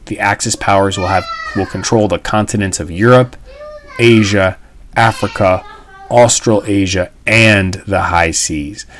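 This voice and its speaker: This man's fairly low voice comes with slight background noise as he teaches history. He reads a passage aloud, then explains it informally and with emphasis.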